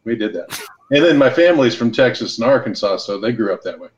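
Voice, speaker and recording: As a guest on a podcast, this middle-aged man, from Los Angeles and Hawaii, talks business in a relaxed, colloquial way, leaning on anecdotes. He speaks at a quick pace in a mid-range voice with lively intonation, though the audio is dull.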